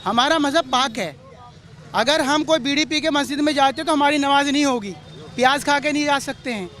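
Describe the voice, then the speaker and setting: A man with a strikingly high-pitched voice speaks to a reporter out on a street. He sounds indignant and emphatic, and he drives each point home by saying it again. He comes across as a member of the public giving his view in a street interview. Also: moderate pace, sharp tone.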